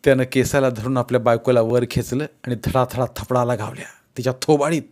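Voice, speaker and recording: A man narrating a Marathi short story in a steady, expressive reading voice. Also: mid-range voice, fast.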